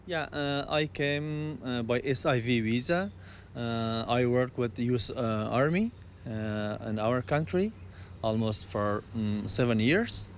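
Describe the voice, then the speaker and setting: A man's voice: mid-range voice, unhurried, a little hiss or hum. A man from Afghanistan with an Afghan accent, speaking hesitant, broken English with many fillers as a guest in a live TV interview. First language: not English.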